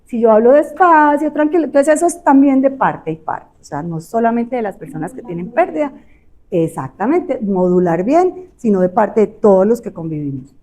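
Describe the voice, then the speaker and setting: A woman's voice: on the high side, animated, normal speed, a little mellow. Colombian woman lecturing in a chatty style. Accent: Colombian Spanish. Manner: chatty and explanatory, with frequent fillers and rhetorical tag questions. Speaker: audiologist giving a talk. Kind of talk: conversational health lecture.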